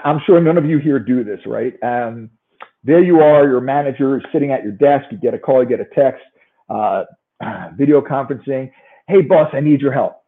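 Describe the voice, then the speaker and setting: A man with a New York accent giving a motivational business talk as a coach, emphatic and often putting rhetorical questions to his listeners. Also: mid-range voice. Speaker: sales coaching speaker and trainer. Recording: thin, narrow-band phone-like sound.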